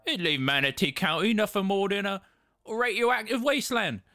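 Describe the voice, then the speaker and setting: A man doing a gruff middle-aged plant worker. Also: sits high, normal speed, sharp tone, no room sound, pitched above the performer's own voice. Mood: scoffing. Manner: gruff, growling.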